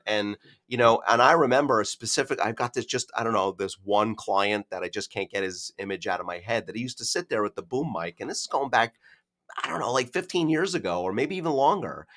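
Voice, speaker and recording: Bright, tense-voiced man explaining on a podcast. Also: lowish voice, lively intonation, fairly quick. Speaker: podcast co-host. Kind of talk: casual podcast chat.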